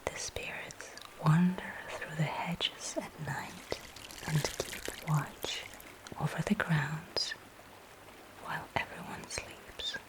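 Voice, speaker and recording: In a fantasy ASMR roleplay, a woman plays a gentle, courteous innkeeper, whispering softly and breathily with formal, measured phrasing. Her voice is deep and steady, and she sounds like she is softly telling a story.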